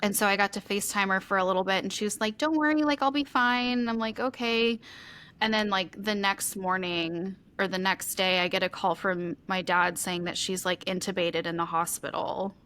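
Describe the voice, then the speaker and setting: Woman podcast cohost, bright forward voice, rambles openly w lots of fillers. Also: mid-range voice, little pitch movement, brisk, hardly any pauses, clean tone. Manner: open, rambling, many "like" fillers. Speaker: podcast co-host. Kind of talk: candid conversational chat.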